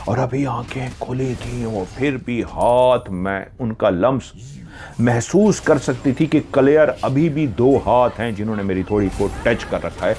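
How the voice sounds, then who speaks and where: A man narrating a spoken horror story in the first person, slowly and with suspenseful, drawn-out pauses. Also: mid-range voice, darkish tone, a little hiss or hum.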